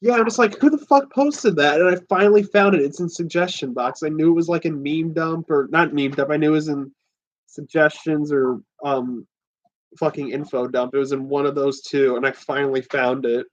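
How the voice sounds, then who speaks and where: A man's voice: fairly high pitch, steady tone, normal speed. A man hosting a casual livestream chat, rambling and joking, swearing often. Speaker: podcast host. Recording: dull lo-fi stream audio.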